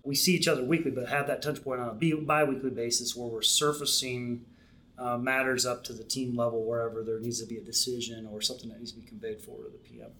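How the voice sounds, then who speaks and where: Man, middle-aged, measured, restarts often, interview guest. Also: mid-range voice, flat delivery, a bit bright. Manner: measured, explanatory, many restarts and fillers. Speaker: Marine Corps program manager, guest. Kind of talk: podcast interview.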